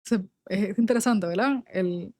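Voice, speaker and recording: A woman's voice: medium pitch, measured pace, warm tone, dry recording, studio quality. A young adult woman, leading a Bible study and reading scripture aloud before explaining it in a conversational way. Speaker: Bible teacher.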